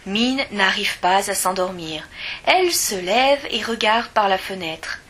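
Slow, bright-voiced woman storyteller. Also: medium pitch, animated. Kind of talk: children's story reading.

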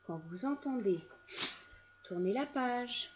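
A woman reading a children's audiobook aloud in a gentle, measured storytelling manner. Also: fairly high pitch, expressive. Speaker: storybook narrator.

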